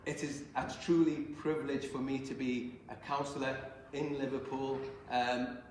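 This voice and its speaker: A man's voice: medium pitch, flat delivery, moderate pace, a little mellow, recorded from a distance. A man, a local councillor, giving an earnest, grateful speech with hesitant fillers. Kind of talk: formal thank-you speech. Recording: echoey room with crowd noise.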